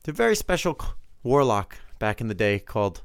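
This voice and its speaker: A man's voice: lowish voice, very animated, fairly quick, clear, resonant tone, no echo, clean studio sound. A man co-hosting a podcast, chatting casually and telling stories. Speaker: podcast co-host. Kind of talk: casual chat, storytelling.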